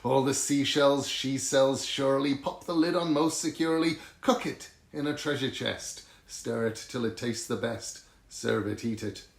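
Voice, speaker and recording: A man voicing a rowdy, jolly band of storybook pirates in a loud, bouncy, declamatory chant. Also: mid-range voice, measured pace, gravelly, few pauses. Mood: joyful. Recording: roomy, echoing sound.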